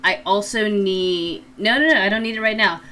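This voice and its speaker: A woman running a tabletop game as game master, improvising the narration in a playful, halting way. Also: mid-range voice, sharp tone. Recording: faint background noise.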